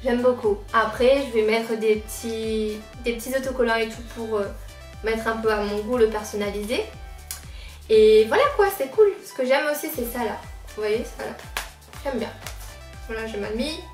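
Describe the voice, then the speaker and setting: Chatty young woman in a roomy echo. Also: fairly high pitch. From La Réunion. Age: 20s. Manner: chatty, keeps repeating how much she likes things. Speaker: lifestyle vlogger. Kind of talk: casual back-to-school haul vlog. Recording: roomy sound, mic at a distance, faint background music.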